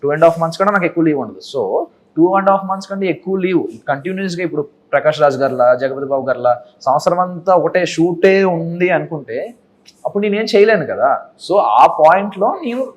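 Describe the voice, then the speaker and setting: A man's voice: on the high side, fairly quick, poor audio. A young man answering interview questions casually, often slipping English words into his speech. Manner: mixes English into his talk, earnest. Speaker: interview guest.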